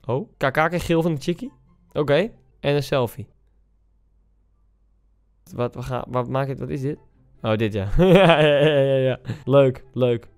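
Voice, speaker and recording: Incredulous young man reacting, clear voice. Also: medium pitch, darkish tone, soft background music. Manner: incredulous, teasing, quick exclamations. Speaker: YouTuber. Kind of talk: casual reaction commentary.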